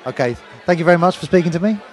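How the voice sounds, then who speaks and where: At a busy teaching conference venue, a man interviews attendees vox-pop style, asking polite, encouraging questions. His voice is a little high and a little mellow, expressive, and very fast.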